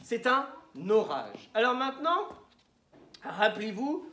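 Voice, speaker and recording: Patient teacher sounding out syllables. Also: male voice, extremely high pitch, big pitch swings, takes it slowly, pushed and bright. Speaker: primary school teacher. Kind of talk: classroom phonics lesson. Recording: echoey room.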